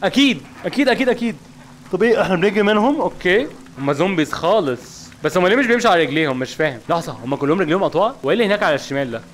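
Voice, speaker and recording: Slight background noise sits under an animated, racing, high voice belonging to a gaming video host with an Egyptian accent. His let's-play commentary is jittery, packed with scared outbursts and constant questions about what's going on.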